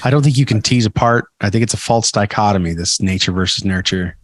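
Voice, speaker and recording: A man's voice: fairly low pitch, fast, no room sound. Rambling male co-host, dry close sound. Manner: rambling, many restarts and fillers, teasing. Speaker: podcast co-host. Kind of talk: casual podcast chat.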